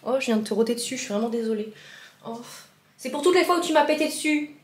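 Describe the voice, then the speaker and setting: A woman's voice: a little high, lively intonation, fast talker. A woman filming a casual daily vlog in her home kitchen. She chats in a frazzled, self-mocking way and keeps talking to her cat. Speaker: vlogger. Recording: echoey kitchen with faint room noise.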